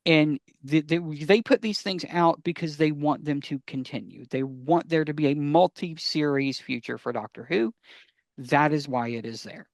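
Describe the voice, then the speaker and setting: A man with a fairly high pitch speaks at normal speed in a dry, clean studio recording. As a co-host on a casual podcast, he explains things emphatically and often poses questions he then answers himself.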